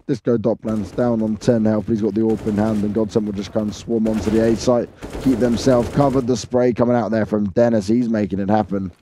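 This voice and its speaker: A man's voice: lowish voice, fairly even intonation, fairly quick, hardly any pauses. A man giving live play-by-play commentary on an esports match. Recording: faint noise, clicks and game gunfire.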